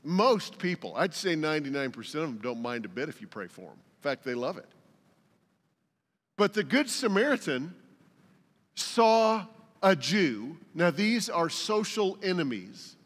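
A man's voice: a little high, big pitch swings, normal speed, fairly bright tone, long reverb tail. An older man, a lead pastor, preaching a sermon in a folksy, joking storytelling manner. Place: church sanctuary.

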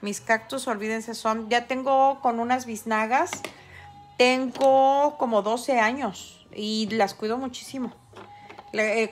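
A middle-aged woman, chatting casually with viewers on a livestream while she paints. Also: on the high side. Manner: chatty, talks straight to viewers. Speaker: artist livestreaming her painting.

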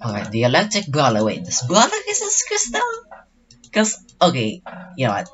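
A man's voice: mid-range voice, huge pitch swings, normal speed, highs cut off. A young man commentating his own online game battle in a casual, rambling way, full of fillers and restarts. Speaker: gaming channel host.

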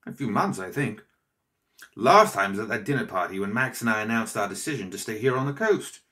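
A man voicing a kindly, eager older male scientist with a jovial, warm manner, in an audiobook. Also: on the low side, lively intonation, brisk. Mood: chatty. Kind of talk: audiobook character voice.

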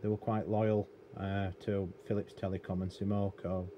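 The audio is dull, carrying a deep male voice with little pitch movement at a moderate pace. A middle-aged British radio technician and hobbyist presenter gives an unscripted, rambling, matter-of-fact hands-on explanation at his cluttered indoor electronics bench, with noticeable room noise in the background.

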